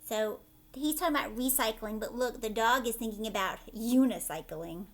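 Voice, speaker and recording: A woman teacher with a fairly high-pitched voice reads a picture book aloud to children at a normal speed. She reads expressively, adding chatty commentary and asking questions along the way.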